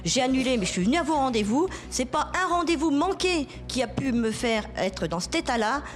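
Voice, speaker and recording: A woman with a high voice argues as an aggrieved patient. Her testimony is insistent and accusing, with faint music behind it. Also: lively intonation, fairly quick. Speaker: patient telling her grievance. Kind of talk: confrontational personal testimony.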